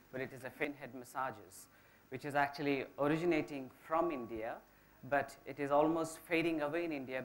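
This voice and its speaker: A woman speaking as a massage expert at an indoor stage event, hesitant with many fillers and restarts, on a handheld mic. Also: very deep voice.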